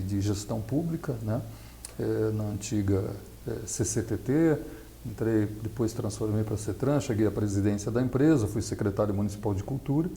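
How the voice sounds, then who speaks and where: A gravelly-voiced middle-aged man, pitched low with a darkish tone, explains things as an interview guest. He's an accountant and nonprofit consultant, and his delivery is halting and didactic, peppered with tag questions.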